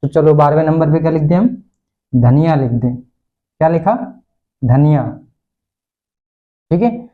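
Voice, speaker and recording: A man's voice: fairly high pitch, a little slow, pauses often, phone-quality sound. A male teacher giving an online lesson in a playful way, repeating each question and answer and laughing often.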